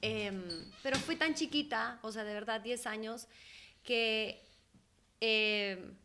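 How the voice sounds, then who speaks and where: Animated woman from Ecuador. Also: on the high side, slow, background noise. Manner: animated, laughs often, acts out quoted voices. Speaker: guest, holistic therapist. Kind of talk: casual interview talk.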